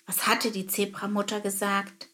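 A woman narrating a children's story in a calm, even reading voice. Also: medium pitch, normal speed.

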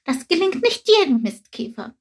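A woman voicing an eager, curious male sparrow in a storybook, asking excited, chirpy questions. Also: very high-pitched, moderate pace, pitched above the performer's own voice. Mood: friendly. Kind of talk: storybook reading.

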